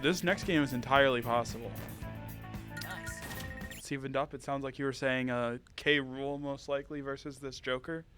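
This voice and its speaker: A man serves as co-commentator in an esports cast, speaking at a middling pitch. He adds short calls and observations on the play. Music is clearly heard behind him. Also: little pitch movement, normal speed, a bit bright.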